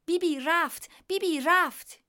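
A woman voicing a chattering pet starling that repeats words in shrill, squawking bursts. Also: bright, forceful tone. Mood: excited. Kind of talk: storybook reading.

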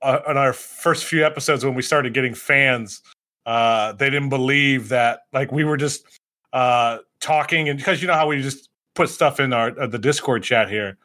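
A man's voice: mid-range voice, normal speed, pushed and bright. A man in his thirties hosting a podcast in casual chat, laughing often and rambling with restarts. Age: 30s. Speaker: podcast host.

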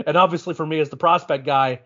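A man's voice: a little high, fairly even intonation, fast, a bit bright. A man co-hosting a sports podcast, talking casually and thinking aloud with frequent restarts. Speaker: podcast co-host. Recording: muffled lo-fi podcast audio.

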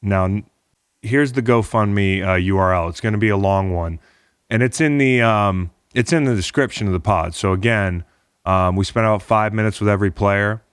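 A man's voice: lowish voice, normal speed, clear, resonant tone, no echo, studio quality. A man hosting a podcast, talking casually in a rambling, encouraging way. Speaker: podcast host.

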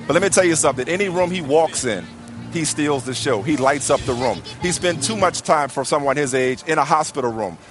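A man's voice: on the high side, lively intonation, fairly quick, music in the background. A man hosting a live sports show from a red carpet with gushing, hyped-up chatter about the guests.

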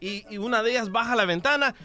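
A man's voice: quick pace, sharp tone, faint music behind. A man co-hosting a radio comedy segment, joking and telling jokes in casual banter. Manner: joking, does squeaky voices for characters. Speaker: radio co-host.

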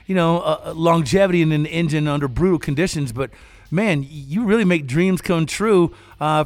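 A man co-hosting a car podcast, chatty and energetic, hyping up his guest. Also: on the high side, dry recording, clean studio sound. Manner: energetic, hypes the guest with sing-song show intros. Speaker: podcast co-host. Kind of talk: casual podcast chat.

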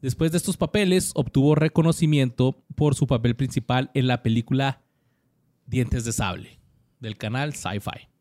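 A man co-hosting a podcast reads out actor bios, peppering them with slang and jokes in casual chat. His voice is medium-pitched and a little mellow, at a moderate pace, with clean studio quality and no room sound.

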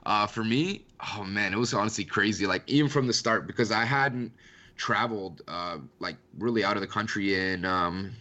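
A man's voice: lowish voice, normal speed, pushed and bright, dull audio. A young man from Canada, a podcast guest, talking loosely and rambling with lots of "like" in casual chat. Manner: loose, rambling, heavy use of "like".

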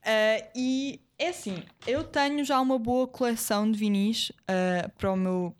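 Young woman, European Portuguese accent, higher-pitched voice, casual slangy podcast co-host. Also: measured pace, clean tone. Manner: informal, slangy. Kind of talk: casual chat.

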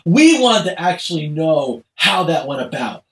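A man's voice: a little high, very animated, a little slow, fairly bright tone. A man in casual, rambling discussion as a podcast panelist, recorded in an echoey room.

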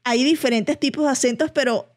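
Chatty lady host talking tv shows, kinda high voice, gets excited. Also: a little fast. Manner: chatty, enthusiastic. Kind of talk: casual chat about TV series.

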